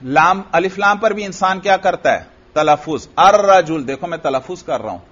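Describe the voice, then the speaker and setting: A man with a high voice teaches a grammar lesson, putting questions to the class and answering them himself. He goes back over each point patiently. The recording is dull and lo-fi. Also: moderate pace, a bit bright. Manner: repeats points for students. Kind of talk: Arabic grammar lesson in Urdu.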